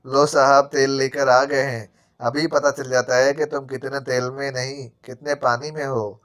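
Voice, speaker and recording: A man's voice: mid-range voice, little pitch movement, a bit bright, natural voice. Brief: jumpy, wisecracking male servant in an audiobook drama, stutters under fright, read by a man. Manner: stammering, quick-tongued sarcasm. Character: jittery comic male servant, quarrelsome.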